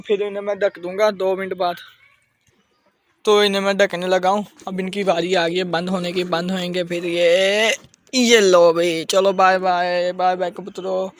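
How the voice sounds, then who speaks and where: A man's voice: high-pitched, fairly bright tone. A man chatting casually in a vlog outdoors by his pet cages, fondly scolding his birds as they eat. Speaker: pet-keeping vlogger. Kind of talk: casual vlog narration while feeding pets.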